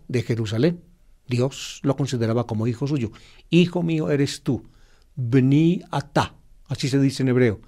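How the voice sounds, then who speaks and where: Mellow-voiced priest explaining scripture. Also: male voice, medium pitch. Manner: explanatory, teacherly, with frequent fillers and restarts; repeats key phrases for emphasis. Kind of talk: gospel reflection sermon.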